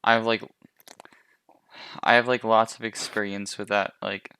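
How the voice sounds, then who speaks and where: A man's voice: fairly low pitch, flat delivery, moderate pace, pushed and bright, smooth, dry recording. A young man co-hosting a podcast in casual chat, giggly and rambling over a voice call. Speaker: podcast co-host. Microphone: computer mic on a voice call.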